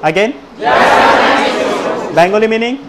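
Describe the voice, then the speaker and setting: A man teaching a spoken English class, prompting students again and again and slowing right down to model each sentence. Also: sits high. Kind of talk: classroom lesson with call-and-response drills. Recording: loud room noise and class chatter. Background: students answering in chorus.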